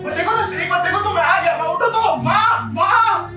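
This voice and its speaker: A man's voice: very high-pitched, moderate pace. A man on stage playing a young son who pleads and sobs over his dead mother. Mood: sobbing. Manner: sobbing, pleading, shouting in grief. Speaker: stage actor. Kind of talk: stage play acting. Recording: echoey stage from far off, music behind.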